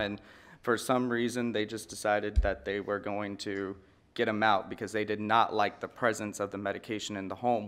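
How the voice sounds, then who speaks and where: With a lowish, clear, resonant voice that's a bit bright, a man in his thirties addresses a large conference hall from a podium microphone. His breakout talk is earnest and conversational, with frequent word repetitions as he restarts sentences.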